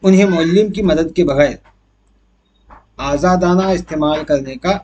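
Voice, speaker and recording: A man's voice: on the high side, a little mellow, muffled recording, slight background noise. A man teacher going through exam questions one by one, asking and answering his own questions as he explains. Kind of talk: exam answer key walkthrough.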